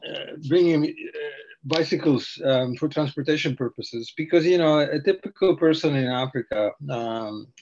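A man's voice: fairly high pitch, normal speed, a little mellow, highs cut off. An older man from Slovakia, a podcast guest telling his story in a meandering, hesitant way. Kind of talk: casual interview.

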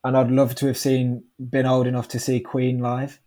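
Podcast guest: British man, twenties, average pitch, informal and easygoing conversational delivery. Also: monotone, normal speed, mellow. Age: 20s. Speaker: podcast guest, professional cyclist. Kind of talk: casual chat.

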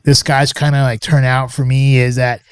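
This man co-hosts a podcast and offers a casual scotch review that wanders, relaxed and hesitant, full of fillers and restarts. His voice is mid-range, clear and resonant, at a moderate pace. The recording is dry with clean studio sound.

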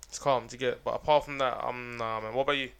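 A man's voice: mid-range voice, steady tone, fast talker, fairly bright tone. A young man with a London roadman accent chatting casually in heavy slang, repeating phrases for emphasis. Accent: London roadman, multicultural London slang. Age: young adult. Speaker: podcast co-host. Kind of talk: casual chat.

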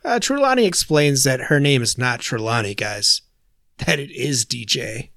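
Man briskly recapping plot, dry sound. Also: medium pitch, lively intonation, creaky, bright, forceful tone, dry recording. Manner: narrates plot quickly with filler uhs. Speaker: podcast host recapping episodes.

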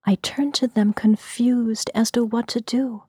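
Slow, husky whispering woman storyteller. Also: a little high, fairly even intonation, no echo, clean studio sound. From US Midwest. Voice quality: soft, breathy whisper.

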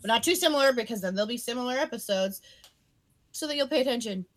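A woman's voice: fairly high pitch, expressive, fast talker. A woman co-hosting a podcast in casual chat, blunt and teasing toward her co-host.

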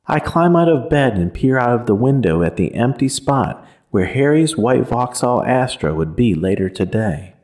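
A man narrating a first-person horror story in a measured, somber way. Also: medium pitch, big pitch swings, darkish tone.

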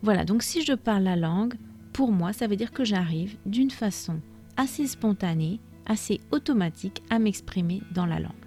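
Woman doing a chill french lesson podcast, mellow voice, lots of little euh pauses, soft music in back. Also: medium pitch. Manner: calm, explanatory, frequent "euh" pauses. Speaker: French teacher.

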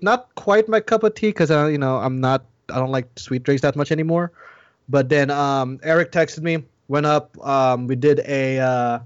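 A man's voice: medium pitch, dry recording. Rambling man on a dull, dry podcast mic. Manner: rambling, many restarts and fillers. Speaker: podcast co-host. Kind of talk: casual chat.

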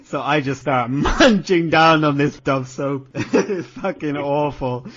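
A man's voice: a little high, slow, fairly bright tone, highs cut off. Casual guy spinning a laughing yarn. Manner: laughs often, swears freely, rambling filler-heavy storytelling. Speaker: guest telling a life story. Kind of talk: casual storytelling chat.

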